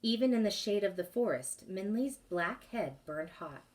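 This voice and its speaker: A woman's voice: medium pitch, recorded from a distance. Woman teacher reading aloud expressively. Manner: expressive reading, pausing to ask questions. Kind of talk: reading a chapter book aloud to a class.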